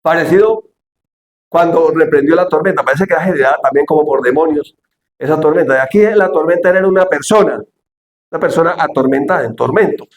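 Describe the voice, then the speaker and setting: A man's voice: on the high side, brisk, echoey room. A man preaching a sermon, asking the congregation questions and acting out quoted speech with dramatic voices.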